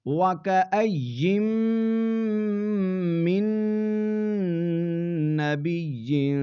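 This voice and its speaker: A man teaching Quran recitation who spells words out letter by letter and then chants them slowly in a drawn-out voice. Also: a little high, dark tone, clear, resonant tone. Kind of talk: slow spelled-out recitation lesson. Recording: dull lo-fi sound.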